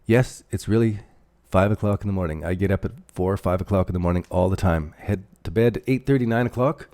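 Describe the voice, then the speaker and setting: Canadian male streamer, low, mellow voice, loose rambling delivery while he reads chat and marks up charts. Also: a little fast. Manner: rambling, thinks aloud while drawing on charts; reads out and answers viewer chat. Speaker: crypto livestream host. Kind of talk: casual livestream chart commentary.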